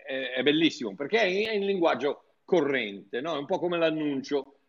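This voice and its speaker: Guy preaching bible stuff, high voice, fired up and chatty, keeps restarting, dull muffled sound. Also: animated, moderate pace. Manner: fervent, chatty, with frequent restarts. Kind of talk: informal Bible teaching.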